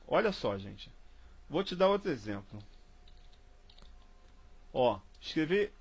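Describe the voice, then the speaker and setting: A Brazilian man leads a casual Bible study at an unhurried pace, repeating himself and spelling out words letter by letter. His fairly high voice has a breathy edge and swings widely in pitch. The audio is dull and lo-fi, like an online call.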